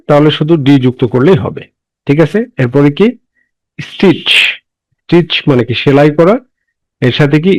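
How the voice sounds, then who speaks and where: A man teaching an English grammar lesson, slowly repeating words and answering his own questions. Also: medium pitch, darkish tone, dry recording, rough recording. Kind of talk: classroom lesson.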